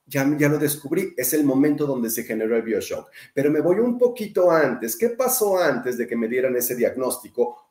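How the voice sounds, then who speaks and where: A man's voice: medium pitch, a little mellow, reverberant. A man with a Mexican accent giving a talk, emphatic, listing phrases in repeated runs and asking and answering his own questions. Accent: Mexican Spanish. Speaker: biodecoding speaker. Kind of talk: talk to an online audience.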